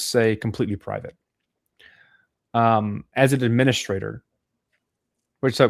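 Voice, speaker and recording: A man's voice: mid-range voice, no echo, clean studio sound. A man co-hosting a podcast, explaining ideas step by step and thinking aloud. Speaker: podcast co-host. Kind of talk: casual podcast discussion.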